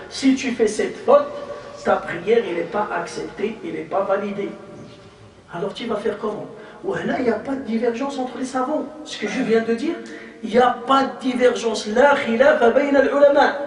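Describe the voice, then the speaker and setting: A man teaching a religious lesson to a group, repeating points with emphasis, demonstrating pronunciation and asking rhetorical questions. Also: sits high. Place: hall of a community association. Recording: echoey hall, mic far off.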